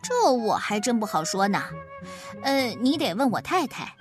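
A woman's voice: on the high side, big pitch swings, moderate pace, over music. A woman voicing a polite male rabbit in a storybook, chatty and apologetic.

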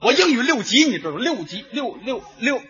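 A male comedian with a very high, sing-song voice, playing a boastful know-it-all on stage. He stammers, shouts, and laughs through his lines. The recording sounds dull and lo-fi. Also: very animated, fairly quick. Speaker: crosstalk comedian. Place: stage before a live audience.

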